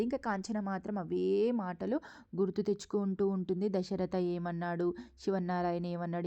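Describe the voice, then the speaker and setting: A woman's voice: medium pitch, dark tone. Chatty woman retelling a TV serial. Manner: chatty, many fillers, acts out quotes. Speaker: TV serial reviewer. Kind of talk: casual episode retelling.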